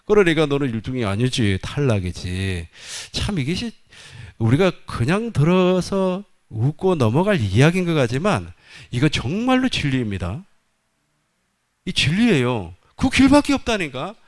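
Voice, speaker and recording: Male preacher, mid-pitched voice, insistent repeated points, folksy asides. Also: very animated, a little slow. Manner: emphatic repetition, folksy asides. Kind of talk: sermon.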